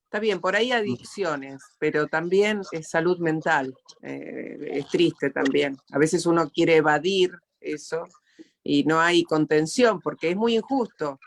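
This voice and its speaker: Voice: mid-range voice, a little slow, creaky. An interview host with an Argentine accent, talking reflectively and emotionally, often repeating words. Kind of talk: casual interview talk.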